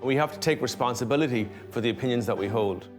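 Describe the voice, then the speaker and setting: A man explains things as an expert being interviewed. He talks quickly and earnestly in articulate long sentences, with faint music in the background. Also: mid-range voice. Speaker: behaviour expert.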